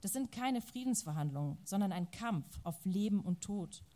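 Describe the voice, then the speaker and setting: A woman reading the lines of a fierce adult friend who urges her forcefully and insistently. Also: medium pitch, animated, normal speed, natural voice. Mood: urgent, firm.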